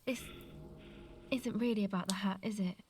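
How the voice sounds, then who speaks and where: A man voicing a blunt, sullen young woman, speaking softly and quietly in a raised voice. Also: high voice, fairly even intonation, moderate pace, slightly rough, voice pushed up. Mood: weary. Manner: soft, quiet and dismissive, then apologetic.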